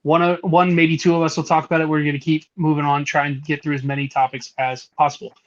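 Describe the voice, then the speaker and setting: Guy hosting a movie podcast, kinda high voice, dull lo-fi mic, laughs a lot. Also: little pitch movement. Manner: laughs often, quick restarts. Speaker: podcast host. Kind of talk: casual chat.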